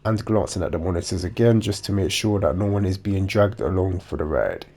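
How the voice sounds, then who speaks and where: Male game commentator, low-pitched, stuffed-up nasal delivery, dopey edge, explains procedures step by step. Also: lively intonation, fairly quick, a little mellow. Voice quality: nasal, blocked-nose congested sound. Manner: dopey-sounding, matter-of-fact explaining. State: congested with a blocked nose. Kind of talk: measured instructional gameplay commentary.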